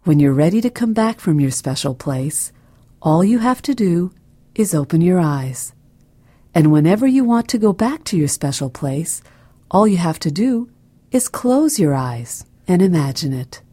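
Female narrator for children's guided relaxation: soft, breathy, mellow, soothing and gentle, recorded close and dry. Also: lowish voice, sing-song, a little slow, dry recording. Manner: soft, soothing, gentle delivery with breathy, near-whispered phrases.

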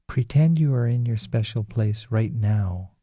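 Slow soothing man guiding relaxation. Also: fairly low pitch, animated, mellow, slightly rough, no echo. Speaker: relaxation guide. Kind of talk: guided relaxation script. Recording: dull lo-fi recording.

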